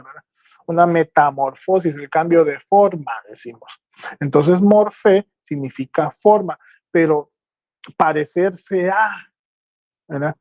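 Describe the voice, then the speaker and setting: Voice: medium pitch, a little mellow, dry recording. A Bible teacher giving a teaching sermon, explaining step by step and checking with rhetorical questions whether listeners follow. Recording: dull lo-fi dry sound.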